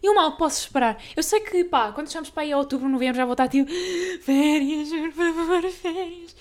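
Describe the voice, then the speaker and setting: A young woman with a European Portuguese accent, hosting a casual solo podcast, talking fast and tripping over tongue twisters. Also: high voice, expressive. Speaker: podcast host.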